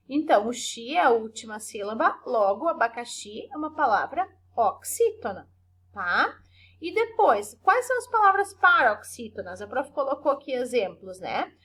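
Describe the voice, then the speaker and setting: A woman teacher records a lesson for children, her voice high and clear. She explains patiently, stretching example words to stress their syllables and ending points with short tag questions. The delivery is gentle and methodical. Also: big pitch swings, normal speed. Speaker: primary school teacher. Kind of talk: recorded remote class for children.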